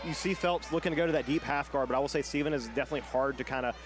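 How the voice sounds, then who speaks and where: A man's voice: medium pitch, very fast. A man giving analytical, conversational live commentary on a grappling match as a color commentator.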